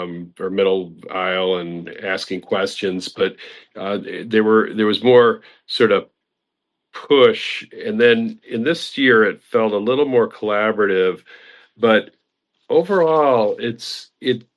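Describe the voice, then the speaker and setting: A man reflecting in an unhurried way in a casual online audio-room discussion. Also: lowish voice, a bit bright. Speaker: discussion participant.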